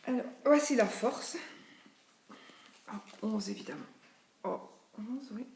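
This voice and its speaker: A woman's voice: fairly high pitch, slow, darkish tone. A woman presenting a tarot deck in casual chat, thinking aloud with many small asides. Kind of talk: casual chat while showing cards. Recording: echoey room with faint noise.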